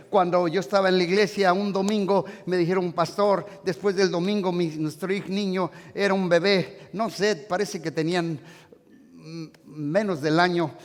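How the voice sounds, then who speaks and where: A male pastor preaching a fervent sermon in a church, swinging between shouts and hushed storytelling. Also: sits high, long reverb tail.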